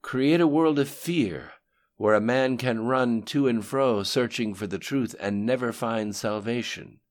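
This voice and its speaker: A male audiobook reader voices a cold, composed conspirator reporting to a dark master, deferential yet unafraid and matter-of-fact. The delivery is lightly acted at a measured pace, with pitch raised for emphatic dialogue.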